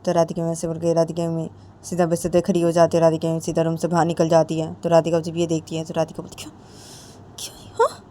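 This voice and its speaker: A woman's voice: sits low, monotone, quick pace, warm tone. A woman telling a story in a casual, chatty way, repeating her lead-in phrases before each quoted line. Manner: repetitive, chatty narration.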